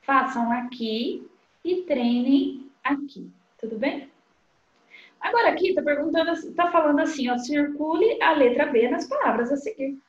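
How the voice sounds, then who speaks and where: A woman teacher, talking young children through a literacy worksheet in a slow, sing-song way. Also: sits high, lively intonation. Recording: dull, echoey room sound.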